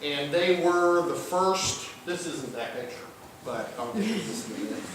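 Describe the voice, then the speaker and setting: Echoey older man. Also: a little high. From Ozarks, southern Missouri, US. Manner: folksy, halting delivery with pauses. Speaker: college professor, guest lecturer. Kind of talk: informal public lecture. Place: large indoor lecture room, recorded from afar. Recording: very echoey room, distant mic, faint noise.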